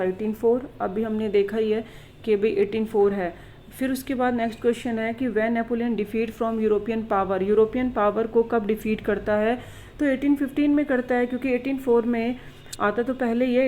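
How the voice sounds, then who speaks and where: A woman teacher going through exam questions with students, reading English questions slowly and explaining them in Hindi mixed with English. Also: on the high side, dark tone, low-quality recording. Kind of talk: exam revision lesson.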